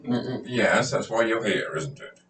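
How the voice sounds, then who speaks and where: A man hamming it up as a doctor in a home-made sketch, chatty and given to repeating himself. His pitch is mid but very lively, and the recording is roomy and distant with faint noise behind. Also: normal speed. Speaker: comic playing a doctor.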